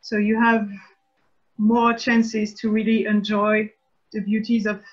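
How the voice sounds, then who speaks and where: A French editor-in-chief, whose first language is French, explains her views at length in a casual online panel. Her mid-range voice is flat and slow, and the call audio sounds dull and lo-fi.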